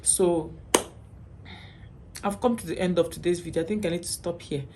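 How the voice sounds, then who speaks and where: A Nigerian woman speaks straight to her viewers in a personal vlog, earnest and pleading. Her voice sits a little low, and she keeps checking in with "okay?". A faint hiss of background noise runs under her. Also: steady tone, moderate pace, mellow. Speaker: vlogger and mother.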